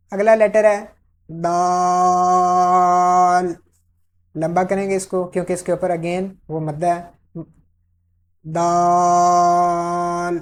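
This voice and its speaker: A woman's voice: lowish voice, mellow. A woman teaching Quran letter pronunciation step by step, patiently drawing out each letter for learners to repeat. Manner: checks in with "ٹھیک ہے؟".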